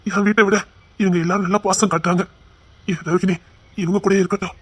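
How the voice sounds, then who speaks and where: An actor playing an emotional young brother-in-law, speaking with a Tirunelveli accent in a tearful, stammering, affectionate way. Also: male voice, high-pitched, level tone, quick pace, slightly rough. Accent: Tirunelveli Tamil. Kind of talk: web series acting.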